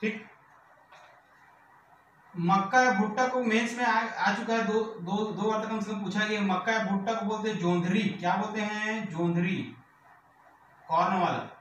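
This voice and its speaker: High-pitched guy teaching vocab, keeps asking "clear?", sounds far off in a big echoey room with faint background noise. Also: a little slow, long pauses, a bit bright. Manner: repeats words with rhetorical questions, checks "clear?". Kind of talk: exam-prep vocabulary lesson.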